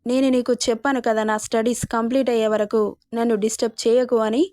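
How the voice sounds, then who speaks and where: Defiant young woman student, read by a woman narrator; firm, even-toned, higher voice, dry. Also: quick pace, no echo, lightly acted. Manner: firm, pleading.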